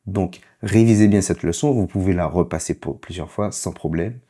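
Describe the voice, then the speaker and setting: A man's voice: low-pitched, moderate pace, mellow, husky. A man teaching how to read Biblical Hebrew in a casual online lesson. He is patient and keeps checking in with "ok?".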